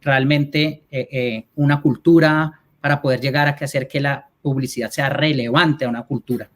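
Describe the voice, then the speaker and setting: His mid-range voice stays steady at a moderate pace as this Colombian advertising executive, a guest speaker in an online talk, takes audience questions. He explains patiently with a Colombian accent and regularly checks that listeners are keeping up.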